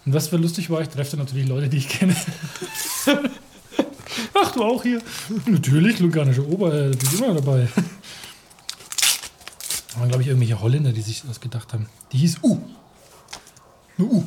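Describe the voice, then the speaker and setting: A man's voice: medium pitch, lively intonation, quick pace, long pauses, noisy background. A man from Germany in casual conversation as a podcast co-host, chatty, easily sidetracked, laughing often. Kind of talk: casual chat.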